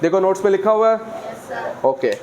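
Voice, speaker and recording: Question-and-answer physics teacher. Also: male voice, sits high, animated, fairly quick, dull audio, background noise. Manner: asks students questions and answers them himself. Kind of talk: classroom lecture.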